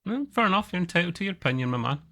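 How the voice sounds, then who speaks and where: On a laid-back gaming podcast, a male host rambles excitably at a racing clip, clearly a regular at ease with his co-hosts. His bright, slightly tense voice leaps sharply upward in pitch whenever he gets enthused about the video games under discussion.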